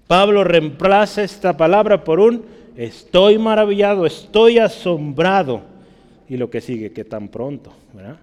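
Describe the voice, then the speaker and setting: A man teaching a Bible class in Spanish, checking in with his listeners and spelling out Greek words slowly. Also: medium pitch, a little mellow, in a large hall. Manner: checks in with listeners, asking "¿verdad?" and "¿sí?".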